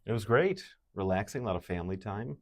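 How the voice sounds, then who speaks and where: A man with a very low, gravelly voice co-hosts a casual podcast. He talks in an easygoing way and drops dry jokes into his stories. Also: sing-song, fast talker. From Wisconsin. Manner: easygoing, joking storyteller. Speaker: podcast co-host, financial advisor.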